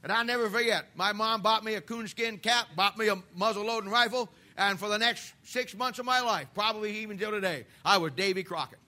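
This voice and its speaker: A man's voice: high voice, fairly quick, hardly any pauses, pushed and bright. A man in his fifties preaching a sermon in church, impassioned and folksy, with repeated phrases and homespun asides. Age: 50s. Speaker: pastor.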